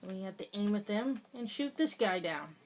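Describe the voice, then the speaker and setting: A woman's voice: medium pitch, lively intonation, normal speed, a little hiss or hum. A woman giving casual, chatty commentary over her gameplay, laughing often and hesitating with many fillers. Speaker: gaming video host.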